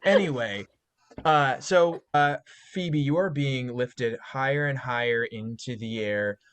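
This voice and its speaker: A man narrating a tabletop horror game as game master, talking haltingly with many fillers and self-corrections. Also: medium pitch, a bit bright, clear, resonant tone.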